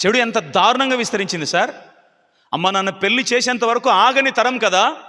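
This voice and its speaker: A man's voice: extremely high pitch, a little fast, sharp tone. A man preaching a live sermon as a pastor, impassioned, firing off rhetorical questions and acting out voices. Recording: live hall with long reverb.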